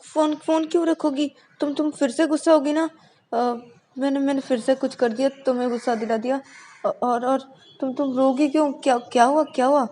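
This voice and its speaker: A flustered, naive young woman, voiced by a storyteller who stumbles over her words and repeats them. She stammers high and anxiously. It sounds like a storybook character who never quite gets it. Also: fairly even intonation, fairly quick, mellow, lightly acted. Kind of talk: storybook voice acting.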